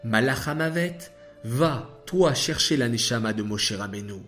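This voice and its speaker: A man voicing a calm, kind divine figure who speaks in a measured, gentle way. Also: mid-range voice, soft background music. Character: calm, kind divine voice addressing angels and a prophet.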